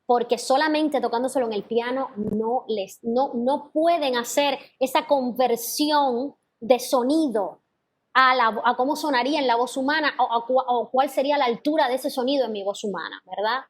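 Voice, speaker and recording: A vocal teacher with a high voice and moderate pace gives online class feedback to her students. She explains patiently and sings sample notes and scat syllables.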